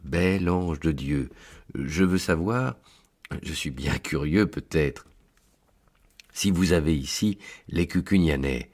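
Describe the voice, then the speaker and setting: A man's voice: a bass voice, slow, darkish tone, exaggerated voice. A man voicing an anxious village priest, pleading and exclaiming in dismay.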